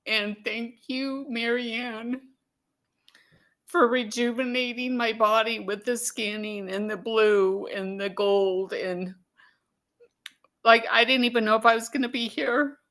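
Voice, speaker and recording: Slow, halting woman on a video call. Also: a little high, fairly even intonation, fairly bright tone. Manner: slow, halting, full of fillers, tearful. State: emotional, near tears. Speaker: caller giving a testimonial. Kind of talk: emotional testimonial on a video call.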